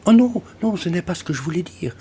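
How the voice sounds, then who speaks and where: A man voicing a shy, excitable young woman flutist who talks breathlessly and often drops to a whisper in this audiobook. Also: mid-range voice, moderate pace, creaky, slightly rough, voice pushed up, exaggerated voice. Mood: flustered.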